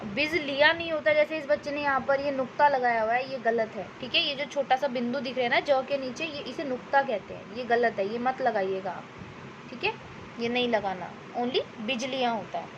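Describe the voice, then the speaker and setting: A woman with a high voice teaches a worksheet lesson to children, explaining each answer step by step. She checks in often and slows right down to dictate example sentences. The recording is slightly dull, with a faint hiss behind her. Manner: patient, explains step by step with many "ठीक है" checks.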